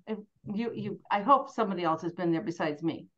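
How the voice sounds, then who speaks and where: A woman's voice: fairly low pitch, fairly quick, fairly bright tone. A woman leading a team meeting in a chatty, candid way, acting out the doubts people tell themselves. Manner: chatty and candid, acts out inner self-talk. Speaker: sales team leader. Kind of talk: motivational team meeting talk. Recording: dull lo-fi sound.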